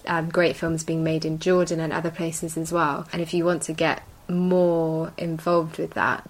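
A woman's voice: sits low, rough recording. A woman co-hosting a conversational radio discussion show.

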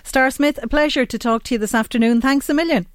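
A woman's voice: sits high, fast talker, dry recording, studio quality. A woman with an Irish accent hosting a chatty radio interview in a folksy, effusive way. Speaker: radio show host. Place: radio studio.

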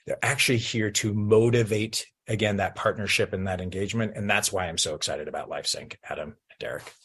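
A man with a fairly low, husky voice speaks as an interview guest. He explains things in a conversational way. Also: fairly even intonation, fairly quick, fairly bright tone. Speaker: guest, financial industry professional.

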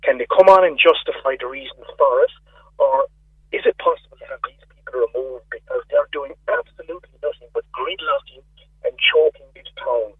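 An exasperated Irish man rants down a tinny phone line, his voice husky and dry with no room around it. He talks at a middling pitch and keeps circling back over his own words as he complains. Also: fairly quick, no room sound. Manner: exasperated ranting, repeats himself. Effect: heard over a phone line. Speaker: radio phone-in caller. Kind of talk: casual call-in complaint.

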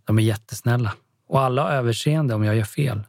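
A man's voice: medium pitch, creaky, darkish tone, no room sound, studio quality, natural voice. A man doing a shy young woman. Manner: timid, hesitant.

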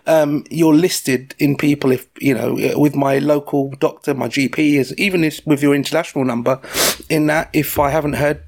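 A British man in his forties chatting as a podcast host, telling personal stories in a sweary, halting, digressive way. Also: a little high, darkish tone. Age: 40s. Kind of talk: casual personal chat and storytelling.

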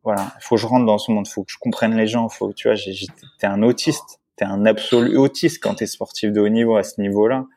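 This interview guest shares a personal story casually, his lowish voice steady, brisk, darkish, and nearly pause-free. The account is candid and emotional but rambling, with many restarts, fillers, asides to the listener, and repeated "tu vois."

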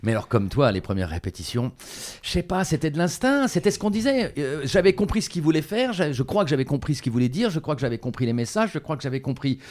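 A man who works as a stage director, a podcast guest telling stories with animated, rapid asides. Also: fairly high pitch. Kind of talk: casual podcast chat.

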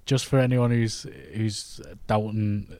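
Low-voiced British man chatting bluntly, very dry sound. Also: level tone, slow pace, a little mellow, clear, resonant tone, no echo. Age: middle-aged. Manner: blunt, sweary banter. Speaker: podcast co-host. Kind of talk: casual film review chat.

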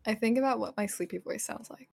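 A woman's voice: a little high, fast, gravelly, darkish tone, dry recording. A woman chatting on a live stream from her home desk, giggly and often trailing off and restarting. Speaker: streamer guest. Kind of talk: casual live-stream chat.

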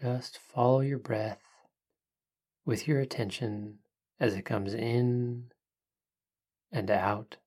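A podcast host leading a guided meditation in a calm, soothing manner, leaving long pauses between short phrases. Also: medium pitch, husky.

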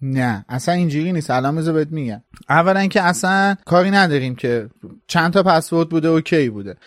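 A man's voice: a little high, animated, no echo. Guy on a podcast explaining stuff, confident, dry mic. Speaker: podcast co-host. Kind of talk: casual chat.

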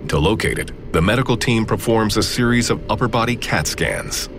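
A man giving grave, measured scripted narration for a medical documentary. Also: lowish voice, animated. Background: music.

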